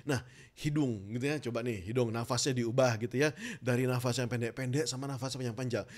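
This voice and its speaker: A self-help trainer giving an instructional talk, addressing viewers directly and coaxing them along, acting out tense and relaxed ways of speaking. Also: medium pitch, brisk. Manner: animated, demonstrates tense versus relaxed speech.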